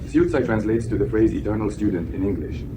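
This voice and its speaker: A man in his sixties from Kazakhstan speaks with a very low, deep voice. He answers an interviewer in measured, formal sentences and sounds sure of himself. A steady wash of background noise runs under the recording. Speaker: interviewee, founder of a healing teaching.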